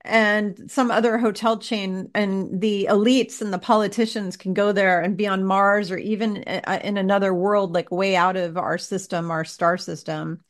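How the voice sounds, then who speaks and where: A woman's voice: medium pitch, fairly even intonation, moderate pace, hardly any pauses. Chatty woman who chimes in. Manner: chatty, chimes in to finish sentences. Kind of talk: casual conversation.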